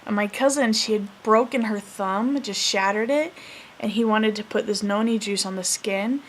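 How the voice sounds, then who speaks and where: A woman in her twenties telling family stories to camera in a soft, hesitant way, full of fillers and self-corrections. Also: medium pitch, normal speed, slight background noise. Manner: laughs while recalling funny moments. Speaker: vlogger. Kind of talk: casual storytelling to camera.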